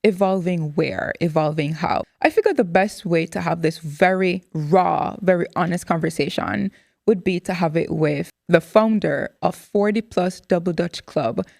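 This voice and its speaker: A woman in her thirties hosting a candid interview, talking in an animated, expressive way. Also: lowish voice, moderate pace, vocal fry, dry recording, clean studio sound. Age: 30s. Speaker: host.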